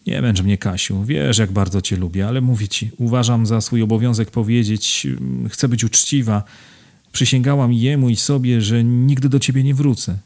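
Storybook reader a man playing a mild, resigned woman, calm and steady. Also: mid-range voice, moderate pace, vocal fry, lightly acted. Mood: gentle. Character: gentle resigned young woman.

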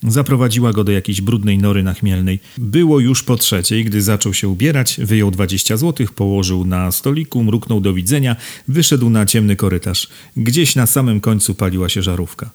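Man, audiobook narrator, lowish voice, measured literary reading. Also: darkish tone.

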